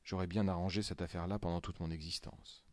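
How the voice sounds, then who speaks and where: Deep-voiced man reading a story. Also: flat delivery, quick pace, dry recording. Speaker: narrator. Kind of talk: reading a classic story aloud.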